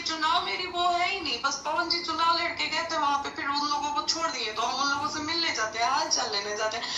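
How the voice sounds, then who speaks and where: Over an echoey, slightly noisy phone line, a distant woman with a high, bright voice pleads her case. She keeps pressing the argument with a sense of grievance, throwing out one rhetorical question after another.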